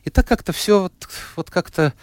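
This man, usually a radio host, is the guest in a laid-back interview. He speaks at a moderate pace in a high-pitched, animated voice on a dry recording. Still recovering and sounding unwell, he wanders through his answers, full of fillers and false starts.

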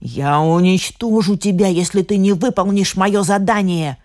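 A woman's voice: medium pitch, normal speed, a little mellow, natural voice. A woman voicing a cruel old witch who hisses threats and barks commands. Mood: menacing. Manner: hissing, menacing commands.

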